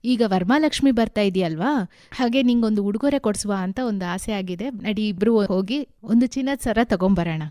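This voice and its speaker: A doting older mother-in-law, played by an actress in a radio play. she speaks warmly in a mellow, dark tone, and the sound is close and dry. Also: medium pitch, moderate pace, no echo, close to an everyday voice. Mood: affectionate. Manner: warm, doting. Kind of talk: radio drama acting.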